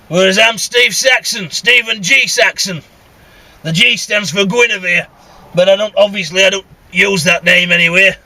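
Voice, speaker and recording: The audio is poor: a man with a Northern English accent, a CB radio vlogger, rambles casually inside a vehicle while driving, bluntly grumbling and swearing. His voice sits high and sounds gravelly and sharp, at normal speed.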